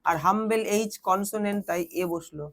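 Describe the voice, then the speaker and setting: A woman's voice: medium pitch, brisk. A young woman teaches children translation, patiently asking questions and answering them herself. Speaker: tutor.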